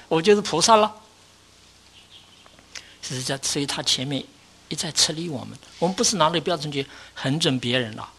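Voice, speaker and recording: A Buddhist teacher giving a dharma lecture, posing strings of rhetorical questions, pushing the voice up and louder for emphasis and dropping low at each conclusion. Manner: rhetorical questions in rising series; often lifts pitch and volume for emphasis, drops low at conclusions.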